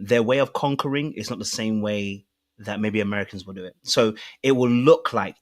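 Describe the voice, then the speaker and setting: A British man on a discussion panel, laying out his points in a measured, explanatory way with examples. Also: on the low side. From Britain.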